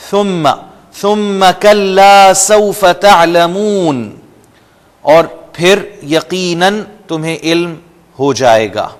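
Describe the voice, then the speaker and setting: Brief: male teacher, slow recitations, quick explanations, slightly high voice. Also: long reverb tail. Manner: recites each verse slowly and loudly, then explains briskly. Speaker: Quran teacher. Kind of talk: step-by-step recorded lesson.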